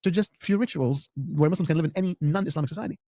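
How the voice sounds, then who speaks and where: Man, imam interviewee; emphatic, rushed, stumbling restarts, dry close sound. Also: on the high side, warm tone, no echo. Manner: emphatic, repeats words when starting sentences. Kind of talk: podcast interview answers.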